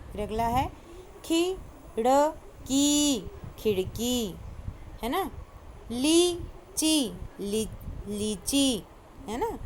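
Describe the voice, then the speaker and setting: A woman's voice: a little high, a little mellow, a little hiss or hum. A woman teaching a kindergarten Hindi class online, stretching out each word and checking in with the children. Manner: slow, drawn-out word-by-word pronunciation with frequent "है ना?".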